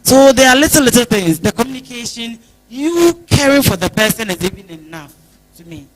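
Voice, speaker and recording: A woman's voice: a little high, animated, brisk, rough recording. A woman with a Ghanaian accent, a guest on a church talk show, giving earnest advice and acting out small phone chats. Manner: earnest, advising, acts out little phone chats. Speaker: guest speaker.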